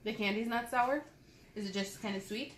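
A woman's voice: on the high side, fairly even intonation, normal speed. A woman in her thirties chatting casually with a child, explaining things and asking simple questions, recorded at a table indoors. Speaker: mother co-hosting a candy review with her child. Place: indoors at a table in a home room. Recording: roomy, noisy home phone-camera recording.

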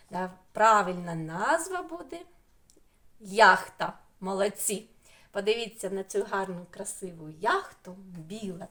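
A woman's voice: medium pitch, fairly bright tone. A woman with a Ukrainian accent teaching young children online, stretching out syllables in a sing-song way. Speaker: preschool teacher.

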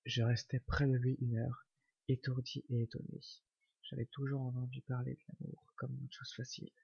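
A man giving a whispered ASMR reading of a novel, slow and hushed. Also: medium pitch, little pitch movement, creaky, breathy edge, dry recording. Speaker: ASMR reader. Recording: dull lo-fi recording.

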